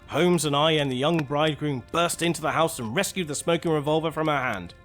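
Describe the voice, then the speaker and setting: Man acting as fussy, avuncular English doctor, middle-aged, slightly high voice, vintage radio mystery. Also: a little fast, a bit bright, faint music behind, close to an everyday voice. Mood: warm storytelling. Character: fussy, genial older male doctor, easily astonished sidekick.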